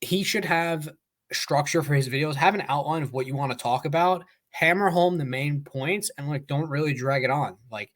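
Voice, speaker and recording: A man's voice: fairly high pitch, moderate pace, fairly bright tone. A man co-hosting a podcast, talking casually and emphatically, with lots of "like" fillers. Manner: talkative, emphatic, many "like" fillers. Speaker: podcast co-host. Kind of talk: casual chat.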